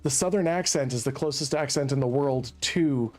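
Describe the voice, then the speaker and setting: Streaming a colony game, a Central Virginia man offers loose, joke-filled commentary, often chuckling at his own humor. His medium-pitched voice has a darkish tone and moderate pace, with faint music playing behind him.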